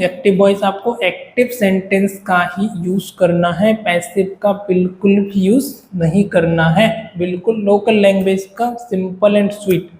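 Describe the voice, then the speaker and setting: A man's voice: sits high, mellow. A man teaching a lecture, explaining step by step and checking in with the class. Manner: Hinglish explaining with frequent "है ना". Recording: echoey room with faint ambience.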